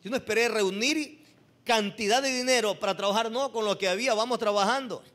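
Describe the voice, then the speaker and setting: A man's voice: high-pitched, fairly quick, a bit bright. An older man, a pastor preaching a sermon and telling his own story, asking the congregation questions. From Ecuador.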